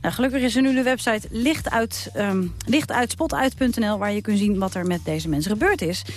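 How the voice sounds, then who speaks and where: A male radio host interviewing a guest in a relaxed, chatty way. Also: sits high, brisk.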